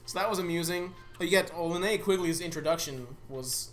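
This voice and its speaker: A man's voice: high-pitched, a little fast, roomy sound, faint music behind. A man co-hosting a casual movie review chat, laid-back, swearing often and laughing through his lines. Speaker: podcast co-host.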